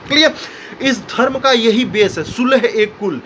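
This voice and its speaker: A man teaching a school history lesson, explaining step by step, acting out quotes and often checking with "clear?". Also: very high voice, measured pace, background noise. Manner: explanatory, keeps asking "clear?" and acts out quotes.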